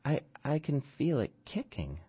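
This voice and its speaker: A man's voice: fairly high pitch, very animated, moderate pace, husky, pitched above the performer's own voice, heavily acted. A man voicing a frantic young woman in labor who pleads and screams, in a dull lo-fi recording. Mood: dreamy insistent.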